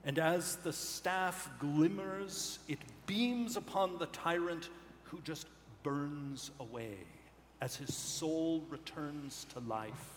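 Slow, deliberate game master narrating live. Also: male voice, on the high side. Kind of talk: dramatic narration of a tabletop game. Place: live convention stage. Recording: live hall reverb, faint noise.

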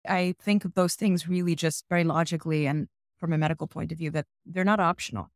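A woman's voice: deep voice, fairly even intonation, fast talker, dry recording. Woman, psychologist guest, earnest explainer, dry close-miked voice. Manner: earnest, explanatory, tells patient stories. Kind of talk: conversational podcast interview.

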